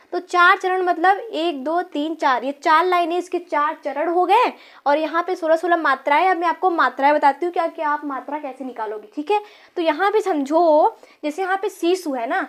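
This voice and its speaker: A young woman with a high voice teaches grammar in a classroom style. She repeats each point, corrects herself, and keeps asking her students quick questions as she counts through each line aloud. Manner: checks in with rhetorical questions and counts syllables aloud.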